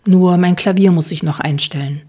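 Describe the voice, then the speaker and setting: A woman voicing a relaxed, slightly evasive middle-aged man in an audiobook, in a breathy, husky voice. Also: lowish voice, normal speed. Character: man in his fifties, evasive, easygoing tango dancer.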